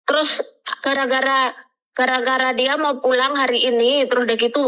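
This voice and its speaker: A woman's voice: sits high, level tone, normal speed, sharp tone, poor audio. A middle-aged woman from Indonesia pouring out a personal story as a caller, rambling with fillers and quoting what was said to her. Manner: rambling, with many fillers and quoted dialogue. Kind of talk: emotional personal confession.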